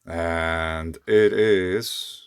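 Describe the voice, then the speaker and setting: A man's voice: low-pitched, steady tone, very slow, vocal fry, clean tone, no room sound. Man with whistling s sounds, dry recording. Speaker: independent researcher presenting own papers. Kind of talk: reading own paper aloud with informal asides.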